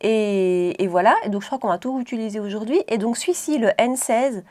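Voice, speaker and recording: A woman talks viewers through her makeup in a loose, chatty way, doubling back and correcting herself as she goes. Her voice sits a little high for a woman. It has the easy feel of a home tutorial. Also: fairly quick, warm tone. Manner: chatty, rambling, frequent self-corrections. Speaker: beauty vlogger. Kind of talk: casual makeup tutorial chat.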